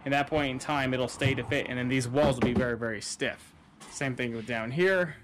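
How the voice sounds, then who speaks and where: A man's voice: medium pitch, moderate pace, noisy background. A man, a father, hosting a boat-building channel, casually explaining each step of his work in a practical, easygoing way while recording on a wearable camera outdoors. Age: adult, father of a son. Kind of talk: casual how-to narration while working. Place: outdoor driveway workshop beside a boat.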